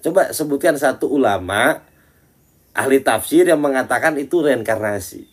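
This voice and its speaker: A man teaching a casual Islamic study talk, chatty and teasing as he speaks to his listeners as friends, swinging between loud emphatic lines and quiet muttered asides. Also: mid-range voice, animated, normal speed.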